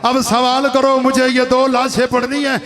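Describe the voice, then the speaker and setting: A man with a Punjabi accent reciting a majlis to a village mourning gathering, moving from soft narration to shouted, sung lament. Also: extremely high pitch, completely flat delivery, measured pace, a crowd in the background. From Pakistan. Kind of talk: impassioned religious majlis oration.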